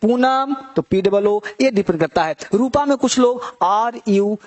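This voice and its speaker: A man teaching an English spelling lesson, mixing Hindi with English phrases and slowly repeating words to draw out their sounds. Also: sits high, a little mellow. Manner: mixes Hindi with English phrases, calls students "beta".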